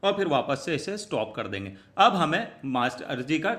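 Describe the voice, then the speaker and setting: Tutorial host, male, bright forceful voice, slightly high, patient click-by-click instructions. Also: sing-song, normal speed. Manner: step-by-step instructions, addresses viewers as friends. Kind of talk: screen tutorial walkthrough.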